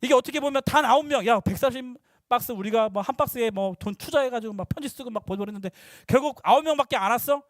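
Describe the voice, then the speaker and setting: A young male youth pastor preaching to middle schoolers, lively and teasing, slipping into casual talk with the teens. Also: very high voice, fast, few pauses, no echo, clean studio sound.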